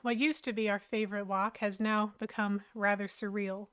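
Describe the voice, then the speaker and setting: A woman narrating a story in first person, in a reflective, even-paced way. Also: mid-range voice, moderate pace, clear, resonant tone.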